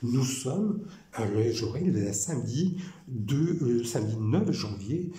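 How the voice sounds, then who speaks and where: A man's voice: medium pitch, takes it slowly. Rambling man in an echoey room. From France. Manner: rambling, repetitive, animated. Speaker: vlogger. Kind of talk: casual monologue. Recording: echoey room with faint noise.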